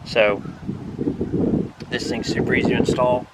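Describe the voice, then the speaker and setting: This RV vlogger's medium-pitched voice keeps a level tone and measured pace as he casually explains equipment to camera. He's outdoors beside a pickup truck bed, and the audio is very noisy.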